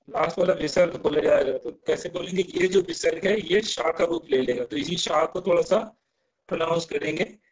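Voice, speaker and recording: A male teacher explains pronunciation to his class at an unhurried pace, breaking each point into small steps and checking in with students. His voice sits slightly high with a gravelly, fry-laced edge. He sounds out verses slowly, syllable by syllable. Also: poor audio. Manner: patient, stepwise, asks students questions. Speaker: Sanskrit teacher.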